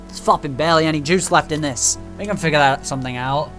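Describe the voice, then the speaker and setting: Casual: gamer dude ranting and cursing over a visual novel, kinda high voice for a guy, game music playing soft behind. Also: fast talker. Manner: swearing, ranting and joking between read lines. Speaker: gaming channel host. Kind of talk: let's play commentary.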